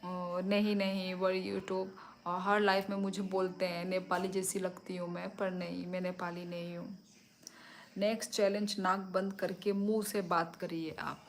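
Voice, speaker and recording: This livestream host, a middle-aged woman from Tripura, India, reads viewer comments and replies to each in turn, slow and unhurried, from her home at night. Her voice sits on the low side with a level tone, picked up by a phone mic with slight background noise.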